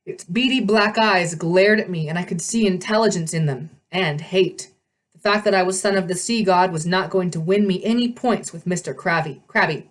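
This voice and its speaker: A woman's voice: lowish voice, moderate pace. Woman reading a novel aloud. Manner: animated reading, frequent slips and self-corrections. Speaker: read-aloud host.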